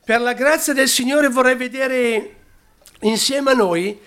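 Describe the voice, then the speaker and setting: A man preaching a sermon, unhurried, who stops to correct his own slips. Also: extremely high pitch, fairly bright tone, clean tone.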